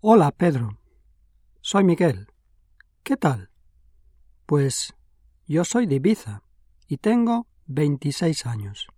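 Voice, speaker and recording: Easygoing young Miguel. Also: male voice, a little high, big pitch swings, slow, pauses often, warm tone, slightly rough, dry recording, heavily acted. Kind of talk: scripted exam dialogue. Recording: dry studio recording.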